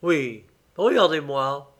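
A man's voice: fairly high pitch, animated, slow pace, fairly bright tone, exaggerated voice. A man playing a bitter, heartbroken young village man who speaks with plaintive anguish in a read-aloud story.

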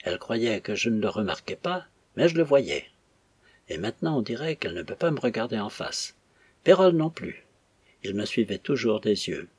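A man reading the lines of a secretive, wistful young woman in an audiobook, with a husky voice. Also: fairly low pitch, very animated, moderate pace, a little mellow, dry recording.

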